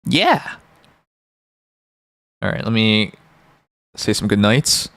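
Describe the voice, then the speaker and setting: A man's voice: fairly low pitch, very animated, slow pace, creaky, a bit bright, no room sound. Casual male livestreamer, dry close sound. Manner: informal, chatty, joking. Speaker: live streamer, host. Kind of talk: casual livestream chat with viewers.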